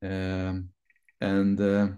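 Male podcast guest. Low, monotone delivery, halting. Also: muffled recording. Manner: hesitant, many restarts and fillers. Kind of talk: casual interview answers.

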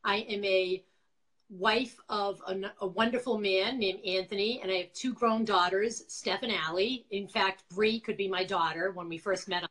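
A woman's voice: medium pitch, fairly even intonation, normal speed, a bit bright, poor audio. A talkative middle-aged woman with a Boston accent, chatting casually as an interview guest and telling her own story. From Quincy, Massachusetts, USA. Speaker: interview guest, former nonprofit founder. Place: indoors, on a video call.

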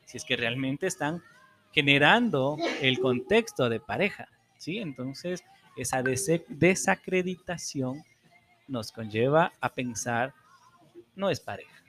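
A man, a psychologist guest, explaining things in a calm, measured way on a podcast. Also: mid-range voice, faint music behind.

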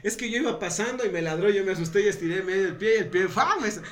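A man's voice: high-pitched, fast talker, fairly bright tone. A man voicing a polite young man in a told story. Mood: sheepish. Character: young man, politely asking for a lost shoe.

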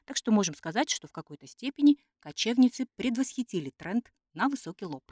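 In a chatty podcast discussion that includes read-out quotations, a woman co-host occasionally falters while hunting for the right words. Her medium-pitched voice is sing-song and darkish, her pace brisk, and the studio-quality sound has no echo.

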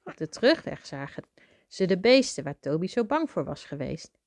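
A middle-aged woman reading a children's book aloud to her young son, with gentle, expressive storytelling. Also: fairly low pitch, moderate pace, vocal fry, dry recording.

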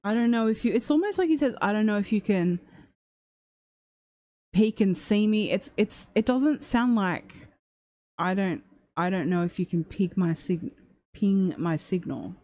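With long pauses and no echo, a woman speaks in a mellow, expressive mid-range voice, unhurried as she goes. She's a streamer casually transcribing a recording, frequently hesitant and puzzled by what she hears.

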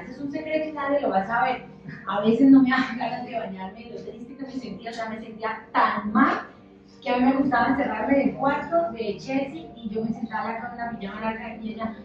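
A woman in her thirties, a church leader giving an impassioned, conversational sermon that swings between loud and soft. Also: fairly high pitch. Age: 30s. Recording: echoey, dull church hall sound with music, mic at a distance.

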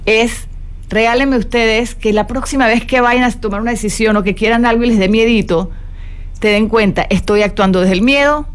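A woman's voice: fairly high pitch, moderate pace. A woman coaching her live audience with a playful, motivational manner, answering their questions and speaking straight to them. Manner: warm, playful, directly addressing viewers. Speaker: self-help coach. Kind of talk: motivational live talk to viewers.

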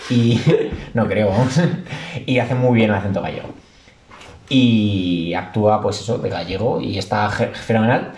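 A man's voice: on the low side, normal speed, a little mellow, slight background noise. Rambling man in echoey room. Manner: rambling, filler-heavy storytelling. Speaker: podcast guest. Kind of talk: casual podcast chat.

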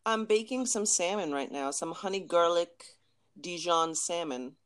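A woman with a somewhat low voice co-hosts a relaxed conversation. She talks eagerly and warmly about cooking, often restarting her sentences as she goes. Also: unhurried, clear, resonant tone. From Lebanese family. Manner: chatty, enthusiastic about food, frequent restarts. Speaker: podcast co-host. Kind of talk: casual chat.

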